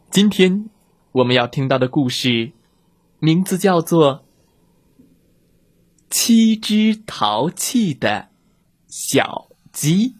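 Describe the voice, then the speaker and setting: Slow, animated male bedtime storyteller. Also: mid-range voice, husky, no echo. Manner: animated, drawn-out, child-directed. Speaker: children's storyteller.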